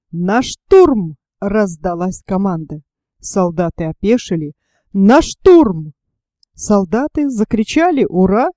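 A woman narrating a historical storybook tale in a slow, deliberate manner. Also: mid-range voice, warm tone, dry recording, clean studio sound.

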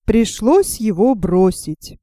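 A woman narrating a fairy tale in a lively, expressive reading. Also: medium pitch, slow pace, dry recording, clean studio sound.

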